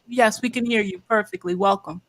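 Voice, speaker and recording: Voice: mid-range voice, fairly quick, creaky, rough recording. A host moderating an online discussion, speaking with hesitant filler sounds.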